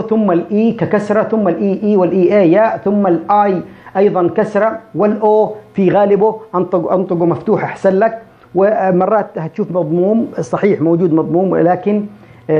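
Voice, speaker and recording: A man teaching English pronunciation, who explains quickly and repeats example words slowly to show the sounds. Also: high-pitched. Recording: dull lo-fi recording.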